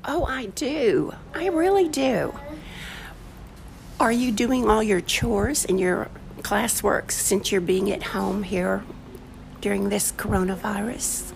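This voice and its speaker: A woman's voice: mid-range voice, slow pace, gravelly, a little hiss or hum. An older grandmother, teasing bluntly in a casual family chat as a guest.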